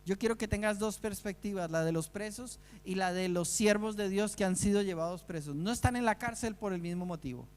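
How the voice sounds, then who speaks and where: A man's voice: sits high, a little mellow, long reverb tail. A man preaching a sermon, earnest, asking the listeners rhetorical questions.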